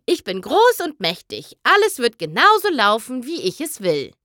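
A woman voicing a boastful, showy female pony magician with a grand, theatrical manner and loud bursts. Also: fairly high pitch, huge pitch swings, normal speed, dry recording, studio quality, exaggerated voice.

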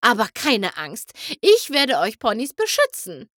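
A woman's voice: on the high side, wildly swooping pitch, measured pace, fairly bright tone, no echo, clean studio sound, full character voice. A woman voicing an elegant, fussy female unicorn pony in a storybook, speaking in a refined, slightly dramatic way. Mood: sighing, reassuring.

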